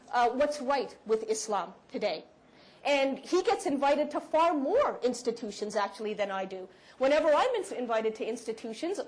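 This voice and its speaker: A woman speaking at a university lecture and answering audience questions, animated and emphatic, quick to rebut. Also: high voice. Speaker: guest speaker.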